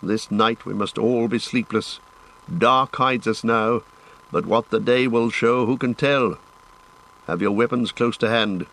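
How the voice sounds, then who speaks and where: A man voicing a commanding male ranger who speaks in a grave, measured way. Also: medium pitch, a bit bright, poor audio.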